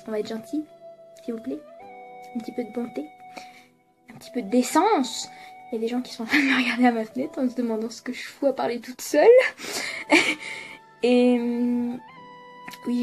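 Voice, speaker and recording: Faint background music accompanies a young woman's casual vlog chat, filmed in her apartment as she talks to camera. Her fairly high voice stays mellow and relaxed, and the YouTuber laughs a lot, swears freely, and keeps a self-mocking tone.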